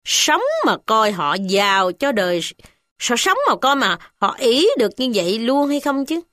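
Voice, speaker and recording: A woman with a Southern Vietnamese accent voicing a bold, scornful poor village wife who speaks sharply and high. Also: lively intonation, normal speed, no room sound. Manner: sharp, scolding, raised pitch.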